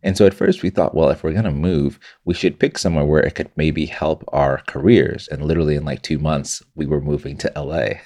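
Super deep voiced guy from zimbabwe, content creator, earnest and reflective, guesting on a podcast. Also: steady tone, fairly quick, hardly any pauses, dark tone. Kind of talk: personal storytelling in a podcast interview.

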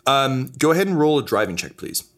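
A man narrating a tabletop game as game master, relaxed and full of fillers. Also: mid-range voice, brisk.

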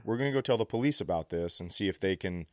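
In a dry recording with no audible room, an animated, deep-voiced comedy podcast co-host banters casually. His speech is halting and chatty, and he keeps drifting into made-up bits of dialogue.

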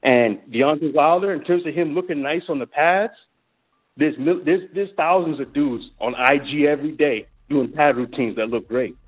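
A man's voice: a little high, moderate pace, breathy edge. A man calling in to a sports talk show over a phone line, blunt and insistent as he keeps repeating his point. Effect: heard over a phone line. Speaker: radio show caller. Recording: muffled tinny phone line with faint music.

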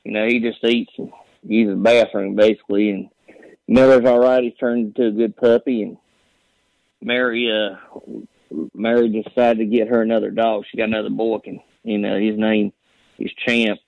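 A man's voice: fairly low pitch, level tone, normal speed, creaky, darkish tone, no echo. A man with a Southern Appalachian accent chatting casually as a phone-in caller in a folksy, drawling, storytelling way. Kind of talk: casual chat. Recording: dull, band-limited phone call.

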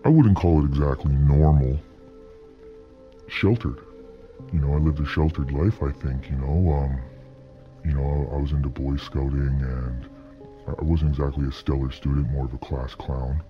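A man giving a candid interview in a disguised, artificially deepened voice, speaking haltingly and often checking in with "right?". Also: fairly even intonation, soft background music. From Canada. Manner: halting, frequent "you know" and "right?". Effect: pitch-lowered anonymity disguise. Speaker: interview guest, former gang member. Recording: muffled, dull lo-fi processed sound.

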